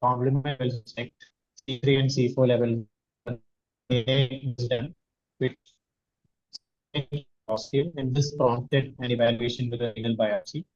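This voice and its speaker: A man's voice: mid-range voice, level tone, takes it slowly, pauses often, darkish tone, dull audio. A man presenting a medical case over a video call, his audio glitching and cutting out.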